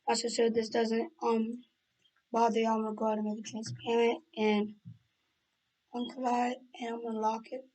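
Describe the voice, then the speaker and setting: A woman's voice: on the high side, little pitch movement, normal speed, dark tone, poor audio. A woman who is losing her voice, casually walking through a coding tutorial with fillers and restarts. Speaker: tutorial host. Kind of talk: screen-recorded coding tutorial.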